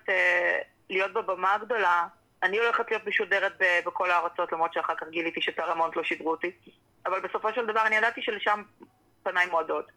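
A young woman, a professional fighter, talking animatedly as a guest in a casual interview. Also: rough recording. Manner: animated, drops into high acted-out quotes.

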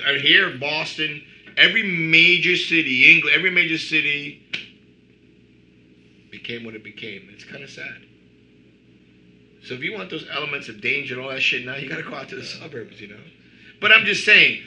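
A man's voice: a little high, a little fast, pushed and bright, muffled recording. A middle-aged man from Cuba, a band member guest, telling rambling stories in casual chat with lots of "you know".

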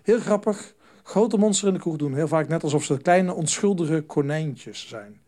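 A man leads a group session as a stop-smoking trainer, lively and animated. He slips into little voices and phone-call scenes as he talks. His voice sits a touch on the high side. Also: moderate pace.

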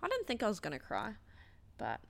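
A woman's voice: medium pitch, huge pitch swings, fairly quick, creaky. Aussie gym owner lady in her 30s, sweary, emotional, all over the place. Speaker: gym owner and podcast host. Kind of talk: casual monologue.

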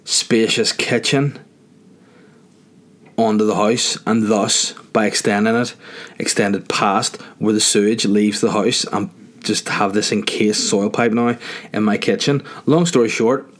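A man's voice: on the low side, fairly even intonation, measured pace. A man hosting a casual comic solo podcast in a rambling, sweary, mock-indignant manner, recorded in a small room. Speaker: podcast host. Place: small box room in a house.

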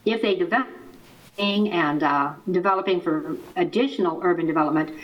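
A woman on staff giving a measured, explanatory planning presentation over a remote video call, and her audio keeps breaking up and cutting out. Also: on the low side, muffled recording. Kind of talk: formal presentation at a public meeting. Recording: distant choppy internet call audio.

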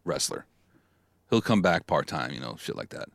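A man's voice: a bass voice, very animated, normal speed, vocal fry, no echo. A man co-hosting a casual wrestling chat, talking through his predictions and now and then mimicking catchphrases. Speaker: podcast co-host.

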